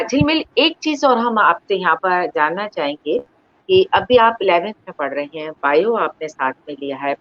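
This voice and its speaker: A woman's voice: low-pitched, dull audio. A woman hosting an online interview, formal and encouraging, often stopping to praise her guest. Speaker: interview host.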